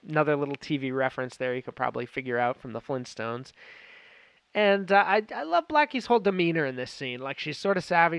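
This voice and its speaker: A chatty man walks through a TV episode in a casual recap, full of fillers and quick restarts. His voice sits a little high and comes across smooth and resonant. The sound is dry and close to the mic. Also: a bit bright, no echo. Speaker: podcast host.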